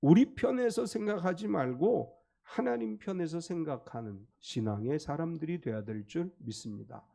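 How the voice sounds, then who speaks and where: A man's voice: fairly high pitch, animated, moderate pace, vocal fry, mellow. A male pastor preaching a sermon, explaining the text emphatically and acting out quotes.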